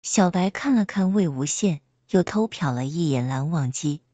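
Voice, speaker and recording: A woman storyteller reading a scripted story aloud in a steady, even way. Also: sits low, moderate pace, dry recording.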